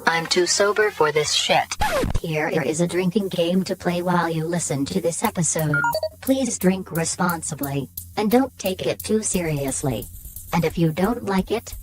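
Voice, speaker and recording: A woman's voice: on the low side, moderate pace. A woman reading a scripted podcast intro with dry, sardonic wit. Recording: loud music bed.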